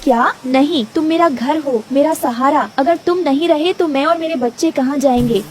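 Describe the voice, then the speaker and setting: Gentle sparrow mother voiced by a woman; high, pleading, anxious. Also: normal speed, slight background noise, lightly acted. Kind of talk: cartoon voice acting.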